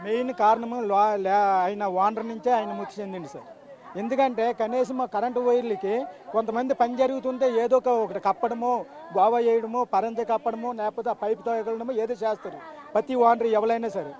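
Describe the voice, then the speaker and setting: A man's voice: very high-pitched, fairly even intonation, fairly quick, darkish tone. A man, a relative of the victim, explaining earnestly and respectfully outdoors. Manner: earnest, respectful, says sir often.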